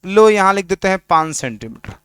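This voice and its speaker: A man's voice: sits high, big pitch swings, a little fast, a bit bright, smooth, dry recording, clean studio sound. A male maths teacher, lecturing a class at the board and teasing his students with constant questions.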